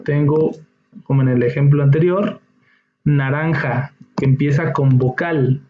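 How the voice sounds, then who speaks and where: Slow, patient male teacher in echoey room. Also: a little high, fairly even intonation, slight background noise. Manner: patient, repeats each step, checks in with "¿ok?". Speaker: English teacher. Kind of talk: slow classroom explanation. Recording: dull echoey room recording.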